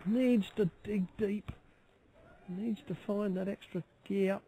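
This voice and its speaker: A man's voice: sits high, fairly even intonation, takes it slowly, dark tone, a little hiss or hum. A man giving chatty, analytical live commentary as a darts co-commentator.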